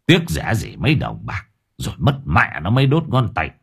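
A man voicing an old village elder who talks low and gruff, scolding like a father. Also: huge pitch swings, normal speed, fairly bright tone, exaggerated voice. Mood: grumbling advice. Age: older.

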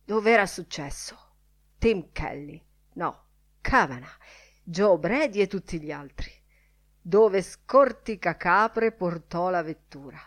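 A woman reading aloud, voicing an excitable, blustering older male newspaper editor in emphatic bursts. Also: lowish voice, slow. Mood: excited.

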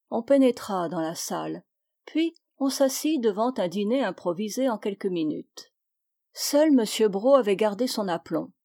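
A woman reading a classic short story aloud, measured and expressive. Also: mid-range voice. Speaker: reader.

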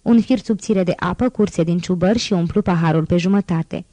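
A woman reading a classic novel aloud as an audiobook, in a calm, measured storytelling manner. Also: fairly low pitch, no echo. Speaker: audiobook reader.

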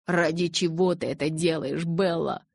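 A woman reading the lines of a hot-tempered, desperate young man in an audiobook, loud and insistent. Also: deep voice, fairly even intonation, moderate pace, vocal fry, no echo, studio quality. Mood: angry. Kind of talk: audiobook character voice.

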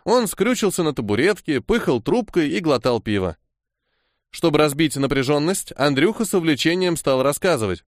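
A man narrating a short story as an expressive audiobook reading. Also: fairly high pitch, moderate pace, dry recording, studio quality.

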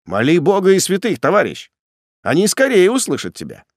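A man voicing a grim male executioner who talks down to his prisoner in a cold, sneering, gruff way. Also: sits high, wildly swooping pitch, a little fast, dry recording, studio quality, voice pushed up. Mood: scornful. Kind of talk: audiobook character voice.

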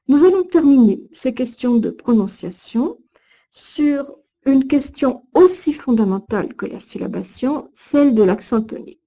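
A woman with a French accent giving a recorded lesson, with slow, careful, deliberate diction. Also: high voice, animated, dark tone. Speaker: teacher of Old French.

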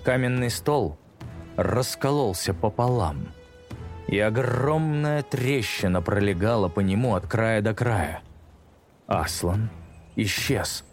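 A man narrating a children's story in a measured pace, slowing down for dramatic moments. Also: lowish voice, lively intonation. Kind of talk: audiobook narration. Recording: music bed under narration.

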